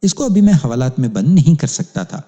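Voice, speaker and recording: A man's voice: medium pitch, very animated, mellow, lo-fi sound. A man narrating a crime story as a police inspector, in an emphatic, dramatic reading. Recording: long hall reverb.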